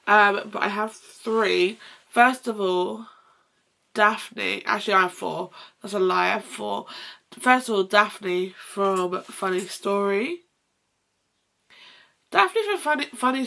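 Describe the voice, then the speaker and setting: A woman's voice: medium pitch, sharp tone. A young woman with a blocked nose, sounding nasal, chatting casually about books in a rambling, self-correcting, gushing way. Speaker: book vlogger. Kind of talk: casual chat.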